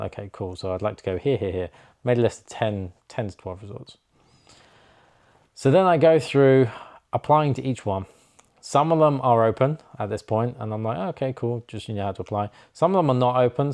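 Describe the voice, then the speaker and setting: A man's voice: fairly low pitch, gravelly. A young man, a snowboard instructor, casually telling a story to camera and acting out the dialogue. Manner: chatty, animated, acts out quoted dialogue.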